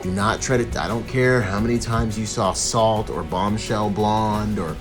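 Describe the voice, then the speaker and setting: Low-voiced man doing casual reaction commentary. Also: unhurried, over music. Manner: slangy, informal, emphatic repetition. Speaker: protection professional hosting video reviews. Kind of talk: casual video commentary and analysis.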